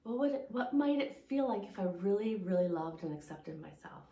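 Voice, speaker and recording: A woman coach gives a reflective motivational talk, leaning on repeated phrases for emphasis. Her voice sits at a middle pitch. The room around her is roomy and echoey. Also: animated, normal speed, warm tone. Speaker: fitness and mindset coach.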